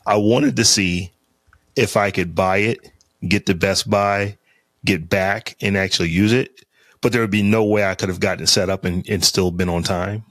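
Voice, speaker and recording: A podcast co-host with a deep, lowish voice chats casually, rambling and circling back with lots of fillers and restarts. He speaks at normal speed with fairly even intonation and a fairly bright tone. A close studio mic on a podcast interface gives dry sound with no room echo.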